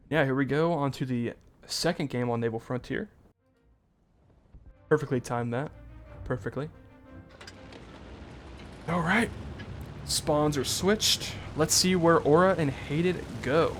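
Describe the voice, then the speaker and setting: A man's voice: mid-range voice, fairly bright tone, a little hiss or hum. A young man giving casual, rambling play-by-play commentary on a tank game match, often correcting himself. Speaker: caster.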